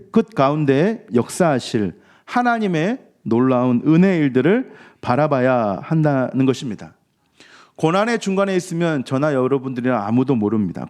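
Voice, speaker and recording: A man's voice: mid-range voice, darkish tone. A man in his thirties preaching a sermon as a pastor, with an earnest, rising and falling cadence.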